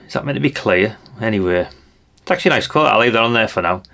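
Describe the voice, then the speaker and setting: The presenter of a radio gadget review channel, an older man, gives a casual hands-on product demo, chatty and unscripted, thinking aloud. His fairly low voice is expressive and very fast, creaky, pushed and bright.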